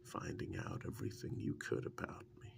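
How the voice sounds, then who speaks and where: In a lightly acted, intimate ASMR role-play, a man voices a wry, affectionate partner reminiscing softly. He is halting and musing, breathy, and often drops into a whisper, with a wry, fond mood.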